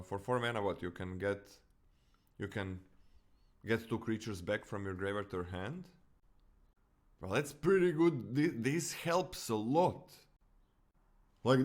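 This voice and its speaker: Animated Croatian-accented man. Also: mid-range voice. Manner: animated, many restarts and self-corrections. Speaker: podcast co-host. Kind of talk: casual card-review chat.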